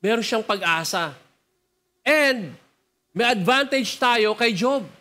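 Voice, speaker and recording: A man's voice: sits high, animated, slow pace, pushed and bright. A man preaching with a Filipino accent, conversational and switching languages, often asking the crowd to respond. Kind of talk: sermon mixing joke and scripture.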